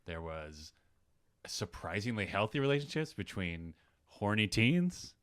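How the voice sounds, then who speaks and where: A man's voice: lowish voice, sing-song, measured pace, a bit bright. A man co-hosting a podcast in casual chat, laid-back and jokey. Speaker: podcast co-host.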